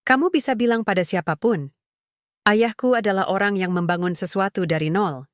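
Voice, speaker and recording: A woman voicing a humble, remorseful middle-aged father who speaks gently and earnestly in a storybook dialogue. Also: medium pitch, moderate pace, no echo, studio quality, natural voice. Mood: promising.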